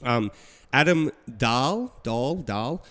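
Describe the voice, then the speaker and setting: A man hosting a casual sports podcast, telling stories with animated quoting. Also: mid-range voice, very slow, long reverb tail. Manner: animated storyteller, acts out quotes. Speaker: podcast host. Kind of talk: casual chat.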